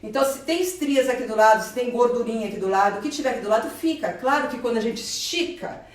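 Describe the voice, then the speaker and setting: Fast-talking Brazilian woman surgeon, roomy echo. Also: on the high side. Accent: Brazilian Portuguese. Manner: fast, enthusiastic, explains while pointing and drawing. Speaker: plastic surgeon answering live questions. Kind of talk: live-stream Q&A explanation. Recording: roomy echo, voice a bit far from the mic.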